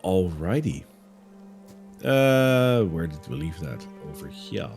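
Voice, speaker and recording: A man with a fairly low, very animated voice works as game master. He narrates slowly, with casual asides, over faint music. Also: gravelly. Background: soft background music.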